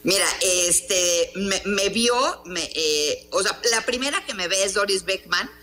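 A Mexican woman columnist pushes her case hard in an interview, firing off rhetorical questions. Her voice is bright and forceful, sitting at an ordinary pitch for a woman. Faint music runs underneath. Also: unhurried. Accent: Mexican Spanish. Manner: emphatic and combative, rhetorical questions. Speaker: newspaper columnist, interview guest. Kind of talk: remote interview answers.

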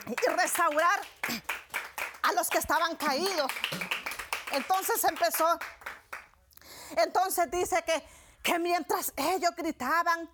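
A woman's voice: extremely high pitch, takes it slowly, long pauses, background noise. A woman preaching a sermon, addressing the congregation as brothers and often repeating phrases with tag questions. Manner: frequent "¿verdad?" and "hermanos" fillers, repeating phrases.

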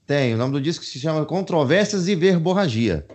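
A Brazilian man talks casually about his music in an interview. His pitch swings widely as he speaks, and his delivery is animated and full of fillers. He laughs easily as he goes. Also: moderate pace. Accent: Brazilian Portuguese. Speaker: musician guest.

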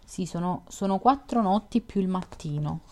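A woman with a fairly low voice reads a classic novel aloud. Her narration is calm and even, with the measured delivery of an audiobook. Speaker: reader of a novel. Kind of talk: audiobook reading.

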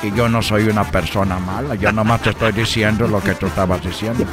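A man's voice: on the low side, steady tone, a little fast, over music, lightly acted. A man voicing a stubborn male customer who insists on his deal in an argumentative tone.

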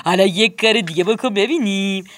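A woman voicing a jolly, joke-loving hyena father posing as a human, loud and drawn-out. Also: mid-range voice, dry recording, close to an everyday voice. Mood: jokey.

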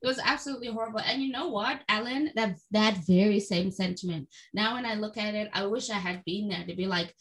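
A young adult woman in casual chat, telling a story in an animated, expressive way and swearing freely. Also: medium pitch, fast, few pauses.

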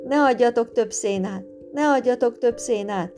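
A woman voicing a tiny, brave and cheeky boy in a storybook reading, with guitar music behind. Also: close to an everyday voice. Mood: yelling. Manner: shrill shouting.

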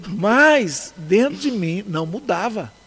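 Man, Brazilian Portuguese accent, casual storyteller, high voice, lively swings, laughs often. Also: takes it slowly, husky. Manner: laughs often, acts out dialogue. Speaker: guest telling his testimony.

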